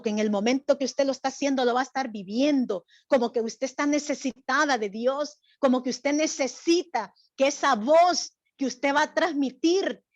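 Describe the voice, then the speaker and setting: A woman's voice: high voice, darkish tone, no echo, dull audio. A woman church teacher giving a Bible lesson and directing a drama, quizzing her group and often checking with "right?". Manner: asks the group questions, often adds "right?".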